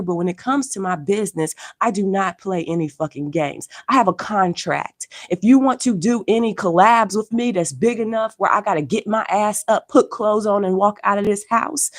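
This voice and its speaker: On a home livestream, a social media artist and streamer who is sick and losing her voice rants at her viewers, scolding them bluntly with profanity while keeping her volume low. Her voice sits at medium pitch, and the recording is dry and studio quality.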